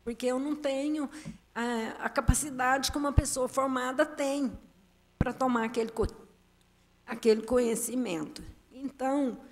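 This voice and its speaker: A woman giving nervous, halting testimony as an invited guest at a council committee meeting, with many fillers and restarts. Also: high-pitched. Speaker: invited guest making complaints. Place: council chamber.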